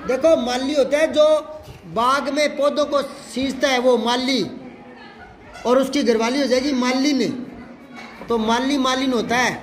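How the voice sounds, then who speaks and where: A male Hindi teacher with a very high-pitched voice drills a class on grammar, often repeating answers back as questions. He speaks unhurriedly with fairly even intonation, and faint crowd and room noise can be heard.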